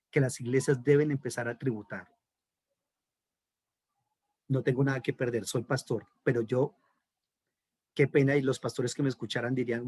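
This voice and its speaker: In a dry recording, a man's mid-range, darkish, slightly rough voice delivers an online theology lecture. He is a pastor with a Colombian Spanish accent who speaks emphatically and keeps checking in with his listeners through frequent "¿listo?".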